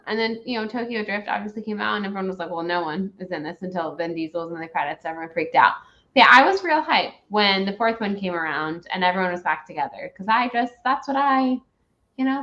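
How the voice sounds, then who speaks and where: A woman's voice: mid-range voice, fairly bright tone. Rambling, opinionated woman on a dull recording. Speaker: host of a movie review show. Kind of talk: casual chat, ranting film review.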